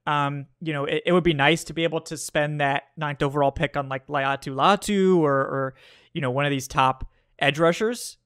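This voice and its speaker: A young adult man talks through a football breakdown in a relaxed, conversational way, full of "you know" and false starts. His voice sits a little high for a man. The recording is close and dry, with almost no room sound. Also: no room sound. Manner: conversational, frequent fillers and restarts. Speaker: podcast host. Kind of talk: casual football analysis monologue.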